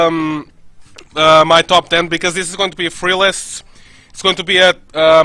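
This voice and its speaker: Brief: young male streamer, high and bright voice, loose rambling podcast chat full of "um" and "like.". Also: smooth, no room sound, low-quality recording. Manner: rambling, with many fillers and restarts.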